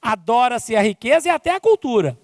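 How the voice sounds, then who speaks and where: In a big conference hall whose long reverb is audible, a Brazilian-accented man lectures on spiritism in an extremely high, very animated voice, speaking a little fast. He regularly closes his sentences with "né?" and "não é?". The sound itself is clean, like a studio.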